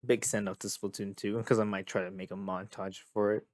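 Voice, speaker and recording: A young man hosting a casual gaming vlog, tired and a bit monotone, rambling and repeating himself as he talks. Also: fairly low pitch, fairly quick, no echo, clean studio sound. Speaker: gaming video host. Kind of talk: casual talk to camera.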